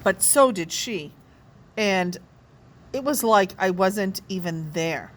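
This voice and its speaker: A woman reading a children's novel aloud with expressive, animated storytelling. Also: mid-range voice, slow pace, slight background noise. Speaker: children's book reader.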